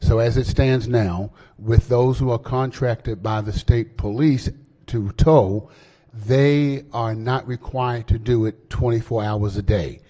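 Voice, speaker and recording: A man speaking as senate floor leader, explaining a bill in a halting floor speech with many fillers and restarts. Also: medium pitch, fairly even intonation, dark tone. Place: legislative chamber. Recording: long hall reverb.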